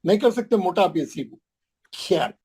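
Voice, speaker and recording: A man teaches Quran letter sounds over a video call, drawing each syllable out slowly for his pupils. His voice is slightly high for a man, yet dark and husky in tone. He repeats patiently and adds the odd English word. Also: lively intonation, low-quality recording. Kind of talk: online class on pronunciation.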